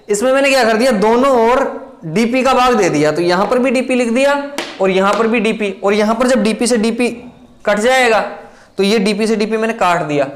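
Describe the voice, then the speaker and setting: A man teaching chemistry, dictating notes line by line and repeating key phrases, quick between the dictation. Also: sits high. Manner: talks fast between dictation. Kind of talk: blackboard lecture.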